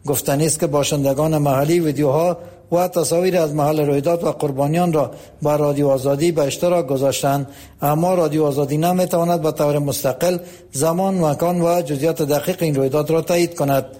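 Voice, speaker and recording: A male radio reporter with a fairly high yet mellow, warm voice. He narrates a scripted news report in an even, formal tone.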